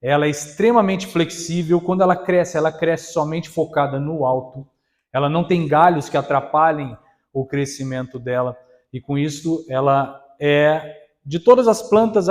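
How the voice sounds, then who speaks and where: A male preacher with a Brazilian accent delivers a sermon in a church. His voice sits fairly high for a man. He mixes storytelling and prayer with casual, conversational asides to the congregation. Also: moderate pace. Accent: Brazilian Portuguese.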